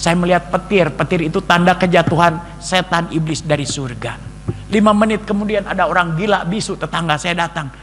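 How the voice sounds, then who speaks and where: Animated male pastor in a reverberant hall. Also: high-pitched, a little fast. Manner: animated storytelling, acting out quoted voices; addresses listeners as beloved brethren. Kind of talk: testimony sermon. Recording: long reverb, faint background noise.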